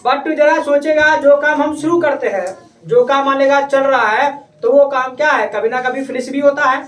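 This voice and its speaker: A man's voice: extremely high pitch, normal speed, a bit bright. A man teaching a classroom English lesson, coaxing his pupils and repeating his questions. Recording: echoey room, distant mic, faint noise.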